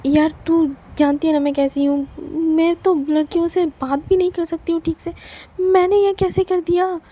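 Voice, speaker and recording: A woman's voice: very high-pitched, flat delivery, moderate pace, mellow, voice pushed up. A woman storyteller voicing Samira, a nervous, flustered young woman who pleads and frets. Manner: frantic, pleading.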